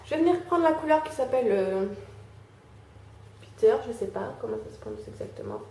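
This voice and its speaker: Young woman vlogger, chatty and mellow, echoey home room, walks through a makeup tutorial. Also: on the high side, huge pitch swings, a little fast, creaky. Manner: chatty, fills with "euh" and "hein", talks while applying makeup. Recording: echoey room, faint background noise.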